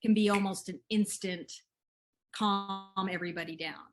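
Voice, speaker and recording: A middle-aged woman, a parenting expert being interviewed, speaks in a gentle, soothing and unhurried way. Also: mid-range voice, steady tone. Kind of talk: interview conversation.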